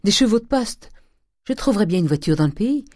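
A man voicing a naive, emotional young gentleman who pleads in a high, strained voice. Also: lively intonation, a little fast, husky, dry recording, studio quality. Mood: urgent.

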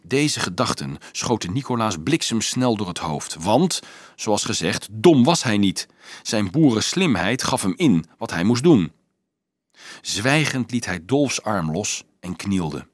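Low-voiced man reading a storybook. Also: very animated, a little slow, dry recording. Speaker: audiobook reader. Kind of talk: reading a children's novel aloud.

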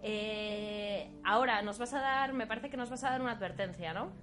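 A woman's voice: medium pitch, normal speed, fairly bright tone, faint music behind. A woman co-hosting a podcast, reacting with exclamations and recapping the rules in her own words. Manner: reactive, exclaiming, good-humored. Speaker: podcast co-host. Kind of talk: casual podcast chat.

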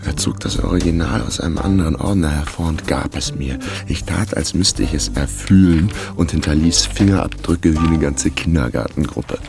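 In a German radio crime drama, a male actor voices a cheeky, bluffing amateur detective who also serves as a wry narrator, sounding deadpan and self-assured. His voice is extremely low and gravelly, delivered at normal speed with few pauses over music, in a dry, wry mood.

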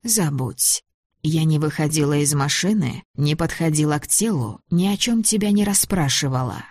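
Woman reader doing a calm, careful heroine, soft and restrained, low voice, dry close mic. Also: normal speed, no room sound. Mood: hushed.

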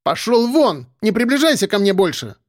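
A man reading an audiobook, voicing a drunk, capricious young woman with a haughty, shrill manner. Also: big pitch swings, normal speed, no echo, clean studio sound.

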